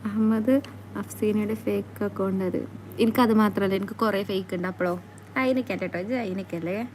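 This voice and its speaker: A woman chatting casually on a live stream, reading out comments and teasing her viewers in a playful, quick back-and-forth. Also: mid-range voice, fairly even intonation, darkish tone, slight background noise.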